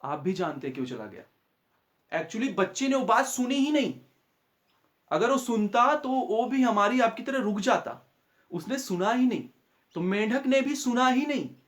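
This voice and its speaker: A high-pitched young man speaks as a maths teacher giving students a motivational talk. He talks earnestly and now and then acts out the taunts and warnings of neighbours. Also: expressive, normal speed.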